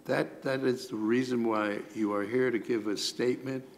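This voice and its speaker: A man chairing a town police commission meeting, answering a resident in a measured, formal way. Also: mid-range voice, fairly even intonation, slight background noise.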